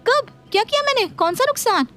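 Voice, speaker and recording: Brief: woman doing a defiant young daughter-in-law in a storybook, high, lively, argumentative. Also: fairly quick, faint music behind. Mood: indignant. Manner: indignant, argumentative.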